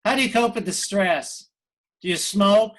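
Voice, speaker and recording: A man's voice: sits high, normal speed, a bit bright. A middle-aged man hosting a comedy fundraiser on a video call, asking teasing questions and laughing at his own jokes. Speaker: host. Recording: noisy video call line.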